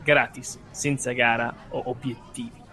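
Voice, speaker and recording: A man's voice: mid-range voice, little pitch movement, measured pace, pushed and bright. A man co-hosting a casual chat, explaining in a colloquial way with trailing asides. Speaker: podcast co-host.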